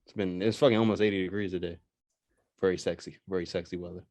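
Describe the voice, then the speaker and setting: A man's voice: low-pitched, steady tone, fast, a little mellow. A man co-hosting a podcast in casual banter, with crude jokes, slang and swearing. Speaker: podcast co-host.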